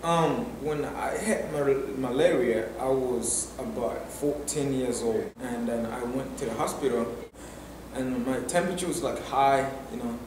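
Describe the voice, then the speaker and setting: A nineteen-year-old man speaks at an ordinary pitch and keeps circling back with fillers. The mic sits far off in a very echoey room, and a clear hum of noise runs behind him. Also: measured pace. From Tanzania. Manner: hesitant, many fillers and restarts. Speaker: interviewee. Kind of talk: personal story for a documentary.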